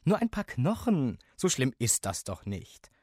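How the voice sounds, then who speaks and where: A man voicing an older grandmother who coaxes gently and slowly, read in a storybook. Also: medium pitch, huge pitch swings, dry recording, studio quality. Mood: coaxing.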